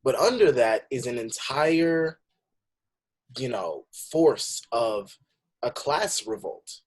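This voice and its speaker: A man's voice: medium pitch, very animated, takes it slowly. A young man from the Bay Area talking earnestly in a casual group discussion, building to emphatic points. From San Francisco Bay Area. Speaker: panel guest.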